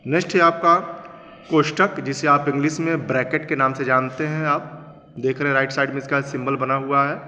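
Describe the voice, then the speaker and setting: A male teacher explaining a textbook chapter in a classroom lesson, reading passages slowly and then restating them simply, mixing in English terms. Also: on the high side, bright, forceful tone. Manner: reads quoted passages slowly, then explains in plain words; mixes English terms into his talk. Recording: reverberant room, slightly dull sound with faint noise.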